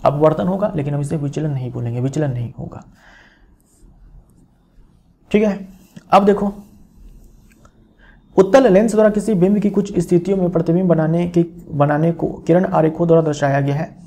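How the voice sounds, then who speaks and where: A man's voice: on the high side, normal speed, pauses often, mellow. A male teacher explaining a physics lesson, repeating key phrases and checking in with his students as he goes.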